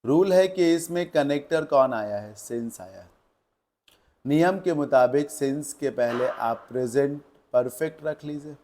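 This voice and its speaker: Indian guy teaching grammar for exams, slow steady delivery, asks stuff then answers it himself. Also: a little high. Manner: explains slowly, reads English sentences aloud word by word. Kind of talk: exam-prep grammar lesson.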